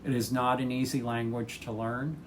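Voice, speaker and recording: A retired former chemist in his sixties, a native English speaker, talks casually to the camera about his plans. He's thoughtful and unhurried, with many ums and restarts, in a medium-pitched, flat delivery over background noise.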